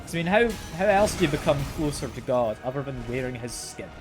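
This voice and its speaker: A fast-talking man with a medium-pitched voice and lively intonation comments casually on the video game he's streaming. He's a little congested from being ill, often repeats words, and game music runs behind him.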